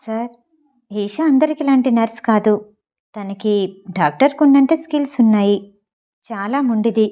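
A woman's voice: fairly high pitch, normal speed, pauses often, warm tone, lightly acted. A woman voicing a timid nurse who talks hesitantly and fearfully to a patient.

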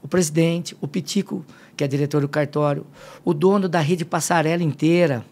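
This middle-aged fitness coach from Limeira, in São Paulo state, Brazil, is a guest on a podcast, telling stories in a casual interview. His voice runs slightly high at a moderate pace, and he's a lively storyteller who acts out the dialogue.

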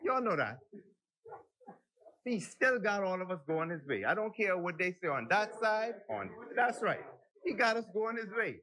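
A man's voice: sits high, animated, moderate pace, a crowd in the background, low-quality recording. A middle-aged man with a Bahamian accent giving a heated, rambling, folksy speech as a member of parliament in a legislative chamber.

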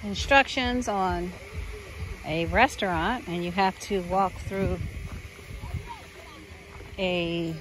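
A woman's voice: lowish voice, slow pace, pauses often, noisy background. A woman hosting a travel vlog outdoors, talking casually and exclaiming with enthusiasm as she tours a farm. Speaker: travel vlogger and tour host. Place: outdoors on a farm and garden tour. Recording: music playing under the voice.

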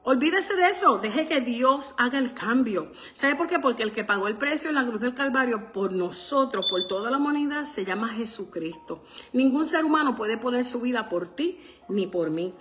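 A woman with a fairly high voice preaches a radio sermon. She speaks with fervor and addresses her listeners directly, often checking with them and repeating her praise of the Lord. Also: lively intonation, moderate pace, a bit bright. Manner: fervent, repeats "bendito sea el Señor" often.

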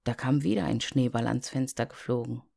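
A woman reading a Christmas fairy tale aloud as a calm, unhurried storyteller. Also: very deep voice, creaky, slight background noise. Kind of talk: scripted fairy-tale narration.

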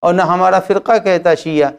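A man's voice: high voice, steady tone, moderate pace, vocal fry, clean tone. A man, an Islamic cleric, answering religious questions with emphatic rhetorical questions.

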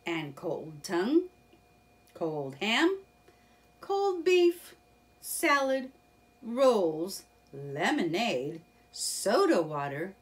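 A woman voicing a cheerful, proud male water rat in a children's storybook reading, in an animated character voice. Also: medium pitch, extremely slow, recorded from a distance. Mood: lively, proud.

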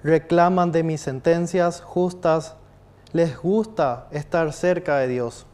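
A young man reading a scripture passage aloud at a chapel lectern, in a steady, declaiming way. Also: on the high side, slow. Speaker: lector.

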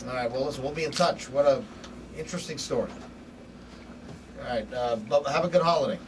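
A man's voice: mid-range voice, a little fast, far from the mic, background noise. A man hosting a morning radio show, brash and teasing, often laughing as he talks.

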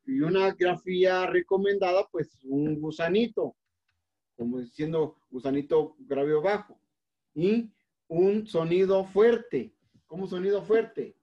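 Mexican guy teaching music class, slow and patient, lots of "este", kinda dull lo-fi sound. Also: high-pitched. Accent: Mexican Spanish. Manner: patient, explains step by step, fills pauses with "este", demonstrates sounds aloud. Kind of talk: recorded online class.

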